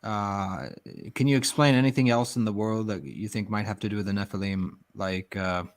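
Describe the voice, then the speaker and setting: Male panel guest, lowish voice, casual and halting, feeling his way through sentences. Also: fairly even intonation. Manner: hesitant, halting. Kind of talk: casual discussion.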